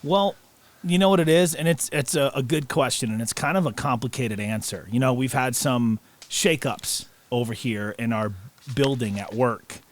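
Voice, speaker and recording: A man's voice: medium pitch, moderate pace. Earnest man telling a story. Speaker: podcast co-host. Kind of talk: casual podcast chat.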